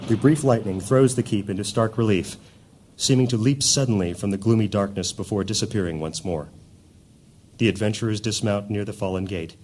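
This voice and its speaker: Male narrator for scripted high fantasy, low-pitched and solemn, descriptive read over faint ambience. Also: fairly quick, a little mellow, a little hiss or hum.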